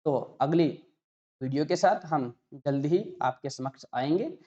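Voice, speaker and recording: A woman teaching Sanskrit grammar in an explanatory lesson. She breaks words into single sounds and repeats examples slowly. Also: deep voice, expressive, mellow. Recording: slightly dull, muffled recording.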